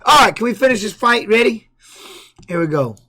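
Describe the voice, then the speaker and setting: A middle-aged man streaming, loudly telling stories and reacting to fight videos with plenty of swearing. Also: high voice, expressive, fairly quick. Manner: loud, profane storytelling with laughs. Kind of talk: casual stream chat.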